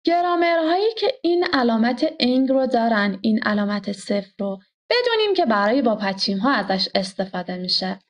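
A woman teaching a language grammar lesson, explaining carefully and repeating her example sentences slowly. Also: a little high, very animated.

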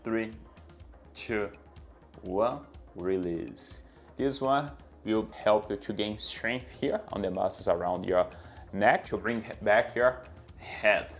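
A Brazilian fitness trainer in his thirties, with a Brazilian Portuguese accent and non-native grammar, coaches to camera, giving exercise instructions and counting reps aloud. His voice is on the low side and unhurried, recorded on a clip-on lapel mic in a bright indoor room with anatomy posters, with soft background music.

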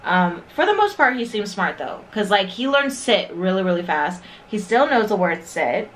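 A young woman vlogger introduces her new puppy, chatting casually to the camera and now and then cooing at the dog in sing-song baby talk. Her voice is medium-pitched and fairly bright, at a normal pace, with a little hiss or hum in the background.

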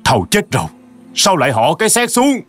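A man's voice: medium pitch, big pitch swings, fairly quick, fairly bright tone, soft background music, voice pushed up. A man voicing a stern old village grandfather who barks brusque, scolding commands, in a storybook horror reading. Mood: gruff.

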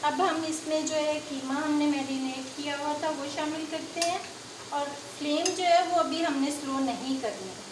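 A woman with a high voice hosts a home cooking video, chatting at a moderate pace as she explains each step at the stove. The casual demonstration is recorded in an echoey kitchen with loud sizzling, so the audio is very noisy.

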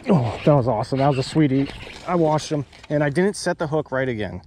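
Out on a pond bank, a young man vlogs his fishing trip in a slightly high voice at a slightly quick pace. He gets excited, talking to the fish and to viewers, and the camera mic on his head catches plenty of nature noise.

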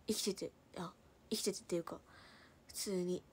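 A young woman idol chatting casually on a livestream, reading out and thanking viewer comments, quick-talking, now and then slipping into a Hiroshima dialect. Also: on the low side, steady tone, slightly rough. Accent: Hiroshima dialect in places.

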